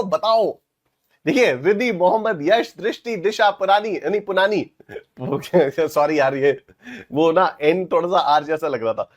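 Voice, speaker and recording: A young man teaching a live online class, energetic and playful, teasing students and mixing in English phrases. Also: high voice. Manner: mixes Hindi and English.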